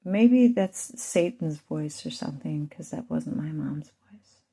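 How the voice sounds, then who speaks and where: A woman's voice: low voice, animated, unhurried, vocal fry, mellow, husky. A woman and mother telling a rambling, emotional personal story to her channel's viewers. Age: adult with children. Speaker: channel host.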